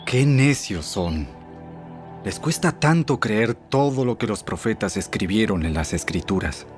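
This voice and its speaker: A man acts a probing, gently reproving teacher in a Bible audio drama. His voice is fairly low and very expressive, deliberate in delivery, over faint music.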